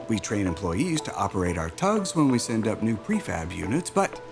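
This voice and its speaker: In a naturalistic audio drama, a man with a medium-pitched voice plays a self-assured aerospace executive who talks smoothly, with the polished manner of a salesman.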